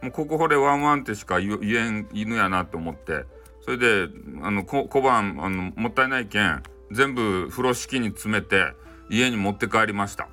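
A man's voice: lowish voice, normal speed, bright, forceful tone, soft background music. A man telling a folk tale in Hakata dialect as a bedtime story, in a loose, rambling way with many fillers and offhand asides.

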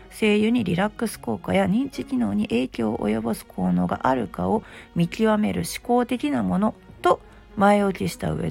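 大阪なまりのガラガラ声の女性. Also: female voice, mid-range voice, darkish tone. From Osaka, Japan. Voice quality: gravelly, hoarse morning voice. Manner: chatty, self-deprecating. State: just-woken morning hoarseness. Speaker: host, aromatherapy shop presenter. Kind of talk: casual solo talk show.

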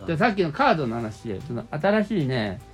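A woman's voice: sits low, very animated, quick pace. A woman hosting a casual, chatty show among companions. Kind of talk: casual chat. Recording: background music.

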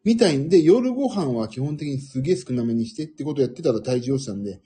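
A middle-aged man with a husky voice hosting a casual, rambling audio stream in a self-deprecating manner. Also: mid-range voice, lively intonation, quick pace, warm tone. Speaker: audio livestream host.

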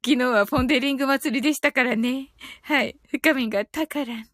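A woman hosts an online live stream, chatting informally and personally with her listeners and reading out their comments, alongside a bilingual guided meditation. Her voice sits high and is fairly bright, her pace fairly quick, and the recording is clean studio sound with no echo.

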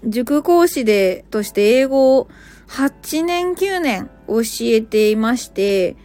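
A woman's voice: a little high, animated, slow pace, warm tone, faint music behind. A woman who teaches English at a cram school, chatting casually on a live stream and reacting to listener comments with small laughs.

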